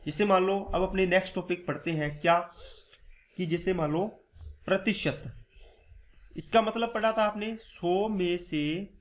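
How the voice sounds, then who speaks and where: High-voiced man teaching a maths class. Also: a little slow. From India. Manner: explains step by step, asks and answers his own questions. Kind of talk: exam-prep lecture.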